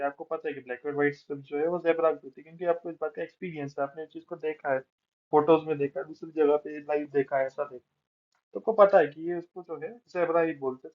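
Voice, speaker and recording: Indian-accented male teacher, somewhat high voice, explains in Hindi with many filler phrases and slowly reads English passages aloud. The recording is dull and lo-fi. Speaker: psychology teacher. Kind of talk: explaining a lecture, reading out English text slowly.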